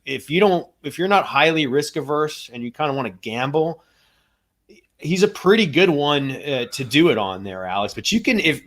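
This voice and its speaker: A man's voice: on the high side, very animated, moderate pace, a bit bright. Methodical podcast co-host, man. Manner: methodical, runs through stats and contract figures; hedging, thinks aloud with "you know". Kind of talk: casual sports analysis chat.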